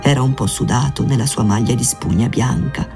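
A reader narrating a literary story aloud at a measured, even pace. The voice sits at a middling pitch, with faint music playing softly underneath. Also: creaky.

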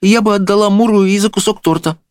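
A man puts on a naive, kind-hearted princess from a storybook, her voice pushed very high and light. She speaks sweetly and simply, without guile. The recording is dry and close. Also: fairly even intonation, quick pace, darkish tone, clean tone, no room sound, close to an everyday voice. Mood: artless.

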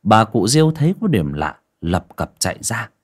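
A man, reading a village story as an expressive audiobook narrator. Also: lowish voice, moderate pace, slightly rough.

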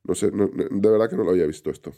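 A man's voice: very fast, dark tone. A man hosting a casual live stream, unwell, rambling and greeting viewers by name. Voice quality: deep voice. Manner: rambling, reads viewer names aloud, many restarts. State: unwell, recovering from illness. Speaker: livestream host reading chat.

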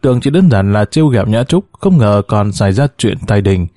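A man's voice: lowish voice, expressive, brisk, warm tone, dry recording, studio quality. A man narrating a family drama story, reading the narration and voicing every character himself.

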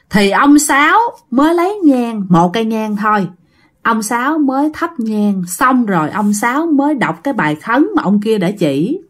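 Chatty southern Vietnamese woman storyteller. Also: fairly high pitch. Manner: chatty, addressing listeners directly. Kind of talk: casual ghost story narration.

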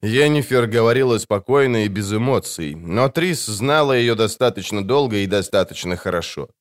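A man narrating an audiobook in an expressive, theatrical reading style. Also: on the low side, moderate pace. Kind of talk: scripted narration.

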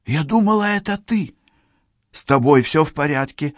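A man's voice: a little high, lively intonation, normal speed, dry recording, studio quality, pitched above the performer's own voice. A man voicing a shaken female police partner who speaks with a trembling, pleading voice. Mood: anxious.

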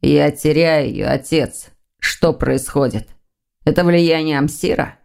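A woman's voice: deep voice, slow, vocal fry, darkish tone, clear, resonant tone, heavily acted. A woman reading an audiobook, voicing a proud, bitter young male demon who snaps back at his father. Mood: sullen. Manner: sullen, snapping retorts.

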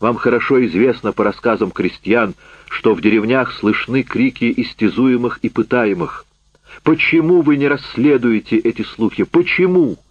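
A man voicing a bitter, worn-out man back from a camp, speaking loud and heated, in a dull, dry recording. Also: on the low side, fairly even intonation, moderate pace, dry recording, lightly acted. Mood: accusing.

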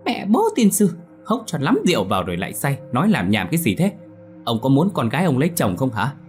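A man voicing a sharp-tongued middle-aged village mother who curses and scolds in a shrill voice. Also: sing-song, normal speed, faint music behind, natural voice. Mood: angry scolding.

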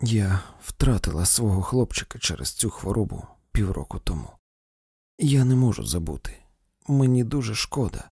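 A man's voice: on the low side, sing-song, moderate pace, vocal fry, warm tone, slightly rough, no echo, studio quality, full character voice. A man reading a story, voicing a composed young woman who gives firm, curt orders.

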